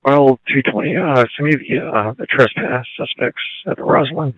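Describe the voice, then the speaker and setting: A man's voice: mid-range voice, moderate pace, no room sound, muffled recording. A man, a police officer, giving terse codes and directions over a police radio transmission. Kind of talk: clipped radio call-outs.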